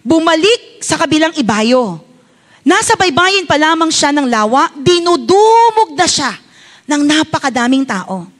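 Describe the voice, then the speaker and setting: A Filipino woman pastor with a Filipino accent preaches a sermon in a high voice with big pitch swings, speaking unhurriedly. She tells a personal story from her life as a mother and often asks her congregation to agree with her.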